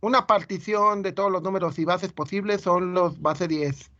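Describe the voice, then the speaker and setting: A man's voice: sits high, fairly even intonation, moderate pace, pushed and bright, lo-fi sound. A Mexican man with a Mexican Spanish accent giving an informal math lecture, chatty and full of anecdotes. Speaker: teacher.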